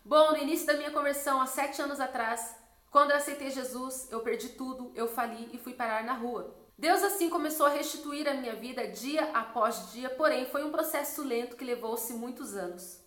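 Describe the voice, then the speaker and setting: A woman's voice: moderate pace, echoey room. Earnest young woman sharing a testimony. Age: 20s. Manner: earnest storytelling, drops soft and low when quoting God. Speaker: missionary. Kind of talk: personal testimony.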